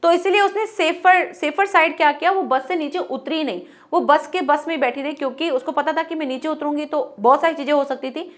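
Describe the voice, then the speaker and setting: A woman teacher with a high, light voice talks students through a lesson. She mixes English terms into her explanation, poses rhetorical questions, and acts out little bits of dialogue to make her points. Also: a little fast, few pauses. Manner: explains in Hindi mixed with English words, asking herself rhetorical questions.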